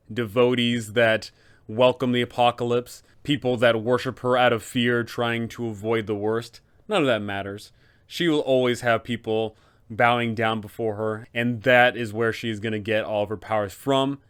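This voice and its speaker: A man with a somewhat low, slightly bright, clean voice hosts an explanatory video commentary on role-playing villains. Acting as a tabletop game master giving advice, he uses emphatic, dramatic storyteller phrasing.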